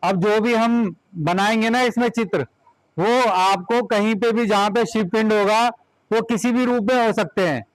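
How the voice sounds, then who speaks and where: Male teacher, high voice, brisk repeated classroom instructions. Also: no echo, poor audio. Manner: directive, repeats short commands.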